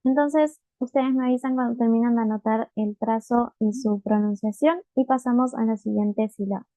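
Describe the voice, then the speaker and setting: Woman teacher, patient, step-by-step, slightly high voice, dry phone-like sound. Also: steady tone, normal speed, dark tone, no echo, faint music behind. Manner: patient, checks in with students often. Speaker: Japanese teacher. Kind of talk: online writing lesson.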